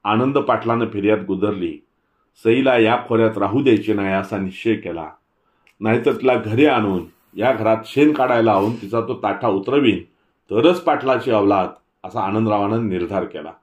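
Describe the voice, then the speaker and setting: A man reading a novel aloud in a measured, expressive storytelling manner. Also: fairly low pitch. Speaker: audiobook reader.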